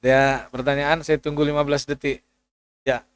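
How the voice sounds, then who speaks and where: A male Islamic preacher with a voice, giving an animated sermon lecture and acting out pleading prayers. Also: a little high, moderate pace, clear, resonant tone, dry recording. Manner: animated, acts out pleading prayers and mixes in Javanese phrases.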